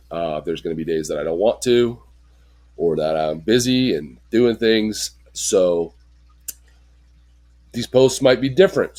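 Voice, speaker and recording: A man in his forties talks straight to camera in a personal confessional vlog. His voice sits very low, and a chest cold leaves it congested. He speaks in an earnest, candid way. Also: darkish tone. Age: 40s. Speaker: vlogger.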